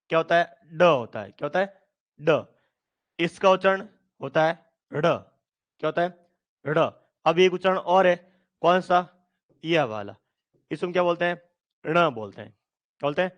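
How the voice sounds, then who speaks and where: A male teacher giving a phonetics lesson, asking questions and answering them himself, repeating sounds slowly. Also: on the high side, fairly bright tone. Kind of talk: Hindi grammar lesson.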